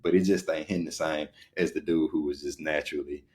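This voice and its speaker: A man's voice: very deep voice, steady tone, fast, a little mellow. A man co-hosting a podcast in a loose, rambling casual chat, full of fillers. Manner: loose, rambling, lots of "you know what I'm saying". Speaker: podcast co-host.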